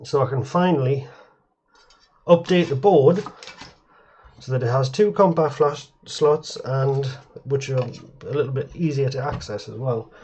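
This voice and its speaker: A man's voice: mid-range voice, a little slow, darkish tone, a little hiss or hum. A man giving a casual show-and-tell of computer hardware at a home workbench. He rambles, hesitates and often corrects himself mid-sentence. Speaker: retro computer hobbyist presenter. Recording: slightly dull, muffled audio.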